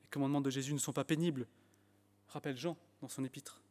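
A man's voice: medium pitch, steady tone, quick pace, a little mellow. A man preaching a sermon in French with an English accent, emphatic at times and restarting his phrases with fillers. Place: church hall. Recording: long church hall reverb.

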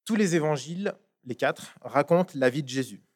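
A man reading a passage aloud and then preaching on it in a measured, emphatic way. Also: on the high side, lively intonation. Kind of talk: sermon with scripture reading.

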